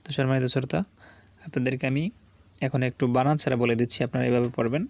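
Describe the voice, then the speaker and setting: A man's voice: mid-range voice, steady tone, rapid-fire, a little mellow, no room sound. A man teaching beginners to read the Quran, spelling out Arabic syllables and patiently repeating each one twice.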